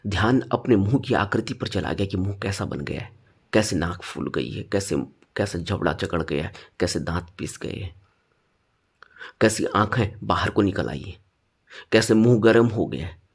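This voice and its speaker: A man teaching meditation in a spoken dharma talk, stressing points with sudden rises and then dropping low. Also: animated, normal speed, husky.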